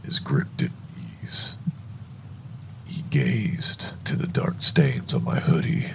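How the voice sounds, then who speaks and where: A man narrating a first-person horror story in a hushed, deliberate, suspenseful way, with a gravelly voice. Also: slight background noise.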